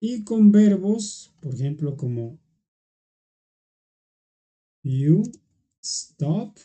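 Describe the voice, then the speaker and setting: Teaching grammar online, this English teacher is very animated despite speaking slowly and patiently at a medium pitch. The voice is very dark and mellow, and the lesson proceeds step by step with regular check-ins.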